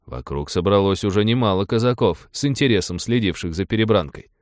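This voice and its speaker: Expressive male narrator, lively delivery, dry close recording. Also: lowish voice, fairly quick, no room sound. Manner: expressive, voices every character. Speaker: audiobook narrator. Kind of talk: audiobook narration.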